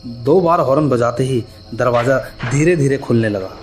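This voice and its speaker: A man narrating a scripted horror story in a steady, even storytelling manner. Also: mid-range voice, normal speed. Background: faint background music.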